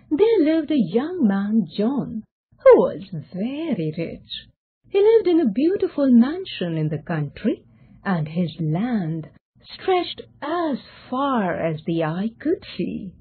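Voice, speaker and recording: A woman narrating a storybook tale in a slow, expressive way. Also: a little high, slightly rough. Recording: tinny phone-like sound.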